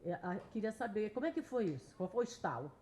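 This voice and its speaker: A woman's voice: mid-range voice, sing-song, quick pace, a little mellow, a little hiss or hum. A woman in the audience asking a curious, rambling question, rephrasing it several times. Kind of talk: panel Q&A.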